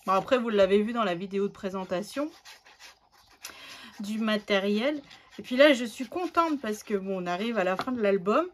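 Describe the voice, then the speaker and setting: A woman's voice: medium pitch, moderate pace, a little hiss or hum. A woman hosting a scrapbooking tutorial, chatting casually and thinking aloud as she works, with many fillers.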